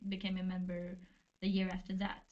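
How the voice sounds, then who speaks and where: A woman's voice: lowish voice, monotone, brisk, muffled recording. A woman, a band member hosting a casual livestream Q&A, chatty and hesitant, often laughing. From Sweden.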